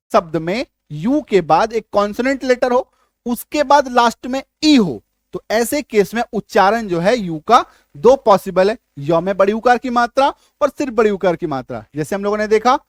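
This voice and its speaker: A man with a high voice and a Hindi accent teaches English spelling. He explains patiently, goes over each point again and keeps checking that his listeners follow. The sound is close and dry, with almost no room around it. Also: no room sound. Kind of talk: spelling lesson.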